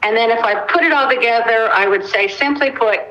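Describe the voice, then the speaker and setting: A woman's voice: on the high side, fairly quick, sharp tone, muffled recording. A woman calling in over a phone on speaker, methodically reading a list of questions as a public commenter at a council meeting. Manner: methodical, lists questions one by one. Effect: heard over a phone on speaker. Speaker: caller making public comment.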